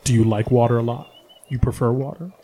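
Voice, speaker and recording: A man's voice: mid-range voice, steady tone, fairly quick, creaky, background noise, natural voice. A man voicing a bubbly, chatty young female tavern server with a folksy way of talking. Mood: chirpy. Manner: folksy, chatty, says y'all.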